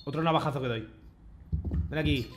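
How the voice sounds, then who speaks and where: A man streaming a game, talking fast and casually with loud gloating shouts and swearing at other players. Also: on the high side, heavy background noise. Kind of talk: gaming stream chat.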